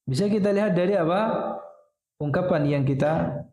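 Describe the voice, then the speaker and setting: A man's voice: a little high, normal speed, a little mellow. A man preaching at a mosque study session, who poses questions and answers them himself, with frequent "ya". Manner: explains by asking and answering his own questions, frequent "ya". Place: mosque hall. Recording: echoey mosque hall.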